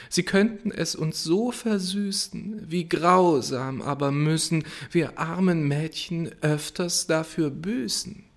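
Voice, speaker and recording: A man voicing a flustered young peasant girl in a high falsetto, pleading fretfully.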